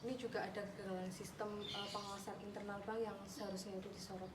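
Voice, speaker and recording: A woman's voice: mid-range voice, flat delivery, fast, lightly acted. A woman playing a composed defence lawyer answering reporters in a parody news interview. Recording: echoey and noisy.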